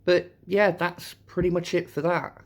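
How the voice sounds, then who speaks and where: A man hosting a casual, chatty toy review, his voice hoarse from a sore throat. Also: sits high, level tone, measured pace. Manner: informal, chatty. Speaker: host of a toy review channel.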